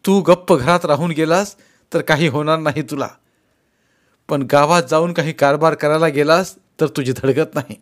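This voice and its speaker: A man's voice: on the high side, moderate pace, pitched above the performer's own voice, natural voice. A man voicing an elderly father who is frightened and grieving, with a trembling, agitated and tearful delivery. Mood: fearful. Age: older.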